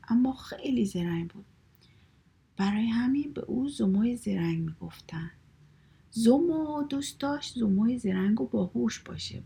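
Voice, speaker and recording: A woman reading a children's story aloud in a soft, half-whispered telling. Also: a little high, gravelly, slightly rough.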